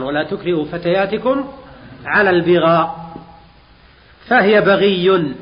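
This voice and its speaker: A man with a fairly high voice and a tinge gives a classroom lesson, stopping to quiz his students and repeating key terms. The sound is dull and lo-fi, and a long reverb hangs in the hall. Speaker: teacher. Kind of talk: classroom lesson explaining a text.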